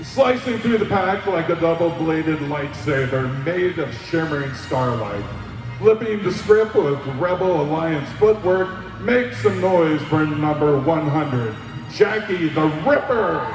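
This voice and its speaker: A man announcing roller derby player introductions in a pumped-up, booming style over a venue PA. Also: lively intonation, measured pace. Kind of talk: hyped scripted player introductions over arena PA. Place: large indoor sports venue. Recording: echoey PA heard far off, music. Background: clear music.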